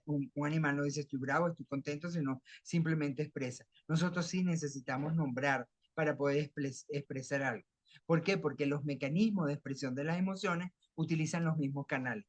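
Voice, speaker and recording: A man's voice: fairly high pitch, normal speed, fairly bright tone, no echo. Middle-aged Venezuelan man lecturing. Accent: Venezuelan Spanish. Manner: explains with homely everyday examples, frequent self-restarts. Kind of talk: academic lecture.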